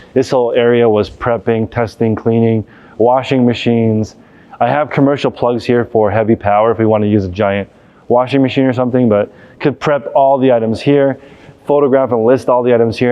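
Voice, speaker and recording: A man's voice: mid-range voice, highs cut off. A man speaking casually and off the cuff as a vlog host, walking through a large empty warehouse. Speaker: vlog host, reselling business owner. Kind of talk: casual unscripted walk-through tour.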